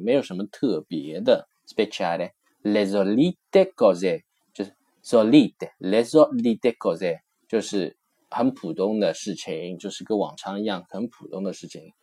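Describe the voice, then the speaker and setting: A warm-toned man with a voice on the low side walks through a recorded textbook language lesson. Patient in his explanations, he repeats every phrase several times and holds the vocabulary up against English.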